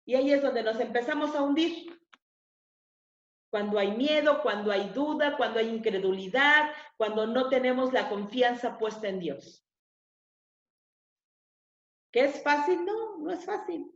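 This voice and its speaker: A woman preaching a sermon in a high, bright register. She keeps checking in with her listeners through short rhetorical questions. The sound carries a roomy echo and a slightly muffled, lo-fi quality. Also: lively intonation, a little slow, long pauses. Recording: echoey, slightly dull room sound.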